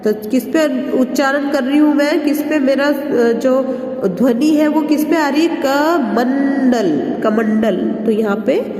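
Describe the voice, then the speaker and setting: A woman's voice: sits high, warm tone. A woman teacher giving a Hindi lesson to children, stretching out each example word as she pronounces it. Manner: slow, drawn-out pronunciation of example words. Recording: echoey room with long reverb.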